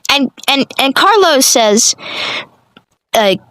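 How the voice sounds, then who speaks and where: A woman telling a rambling comedic story full of swearing, self-corrections and deadpan asides. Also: high voice, takes it slowly, no room sound, rough recording.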